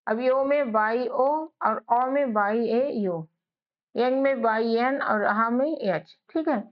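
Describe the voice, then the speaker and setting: A woman's voice: a little high, slow. A woman teaching English spelling to beginners, drilling sounds letter by letter and often asking and answering her own questions. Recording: dull lo-fi audio.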